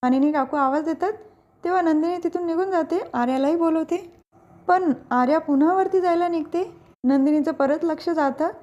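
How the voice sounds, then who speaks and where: Woman, high voice, mellow tone, casual episode recap, retells scenes line by line. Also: lo-fi sound. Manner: retells scenes, reading out each character's lines in turn. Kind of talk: casual story recap narration.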